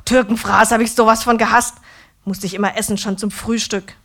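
A woman voicing a furious young man from a kebab shop who shouts and swears in angry rants. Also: medium pitch, steady tone, brisk, natural voice.

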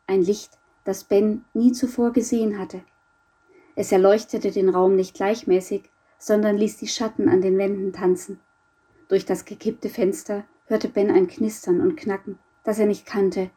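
A middle-aged woman reads her own youth novel aloud. Her voice is mellow and darkish, her telling measured and expressive, at an even middle pitch. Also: slightly rough. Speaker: author.

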